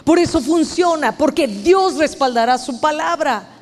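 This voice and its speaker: A woman's voice: high voice, expressive, measured pace, a little mellow. A woman preaching a sermon to a women's meeting, earnest and emphatic, speaking directly to her listeners. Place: church meeting hall. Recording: long hall reverb.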